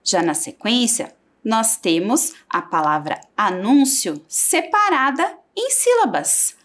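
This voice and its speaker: A woman with a Brazilian Portuguese accent teaching a televised primary school lesson, sounding out syllables for children. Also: a little high. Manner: slow, lively, sings out syllables for children.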